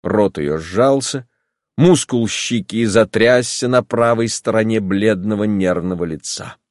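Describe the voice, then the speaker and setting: Low-voiced man reading a novel. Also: unhurried, no room sound, clean studio sound. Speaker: audiobook narrator. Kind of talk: literary audiobook narration.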